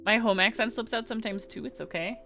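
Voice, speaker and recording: During a game stream, a West Coast American woman casually reads live chat and talks to viewers, giggling and rambling with frequent restarts. She speaks fast in a slightly high, fairly bright voice over faint music.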